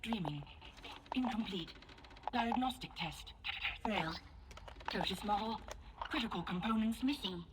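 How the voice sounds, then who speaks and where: Broken security robot in a game, glitching machine voice, clipped terse alerts, mid-pitched, heavy keyboard clatter in the mix. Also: female voice, animated, a little slow, long pauses, very noisy. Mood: flat. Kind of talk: video game voice acting. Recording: loud keyboard clicking behind.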